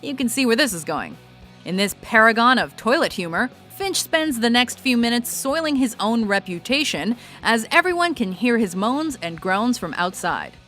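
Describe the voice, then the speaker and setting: Bright, lively woman narrating a film countdown. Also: a little high, moderate pace. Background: music bed.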